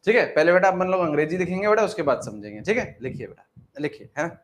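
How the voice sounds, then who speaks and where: Casting: male chemistry tutor, slightly high voice, repeats lines, live online class. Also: very animated, a little hiss or hum. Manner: addresses students as beta, repeats every phrase, dictates notes slowly. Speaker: chemistry teacher.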